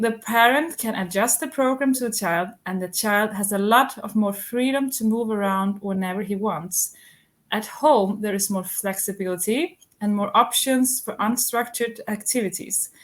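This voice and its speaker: A woman in her thirties from Iceland, a homeschooling mother answering interview questions in a measured, methodical way, point by point. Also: medium pitch. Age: 30s.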